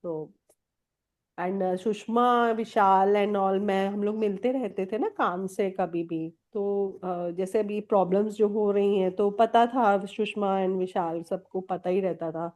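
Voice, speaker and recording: Woman, Kolkata, interview guest: warm, mellow tone, candid storyteller who laughs readily. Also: mid-range voice, steady tone, unhurried. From Kolkata, India. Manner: candid storytelling, mixing English words into Hindi, laughs often. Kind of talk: personal testimony in conversation.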